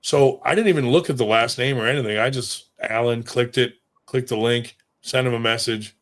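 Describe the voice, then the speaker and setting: A man's voice: medium pitch, normal speed. A man telling stories in casual chat, rambling and swearing freely, with lots of fillers. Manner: rambling and profane, with many fillers.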